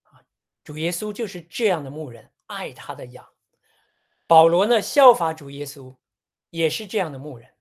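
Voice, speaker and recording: A preacher giving a sermon on a Bible passage in a measured, teaching tone, often posing rhetorical questions. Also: mid-range voice, lively intonation.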